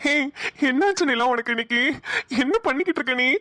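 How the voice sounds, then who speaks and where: A woman's voice: sits high, lively intonation, fast talker, a bit bright, no echo. A woman voicing a young cartoon husband who likes to tease and tell spooky stories. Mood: amused. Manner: playful teasing, mock spooky storytelling. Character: young husband, teasing prankster. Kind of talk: cartoon voice dubbing.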